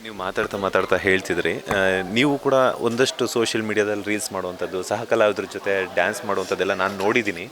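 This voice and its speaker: A male entertainment reporter with a Kannada accent asking gentle, consoling interview questions. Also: on the low side, fairly even intonation, fast talker. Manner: gentle, consoling, mixes in English words. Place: outdoors at an event with a crowd. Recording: crowd noise behind.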